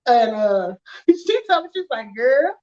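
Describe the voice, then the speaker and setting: A woman, telling stories in an animated, casual chat with frequent laughter. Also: on the high side, unhurried. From rural Alabama, USA. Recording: dull lo-fi sound.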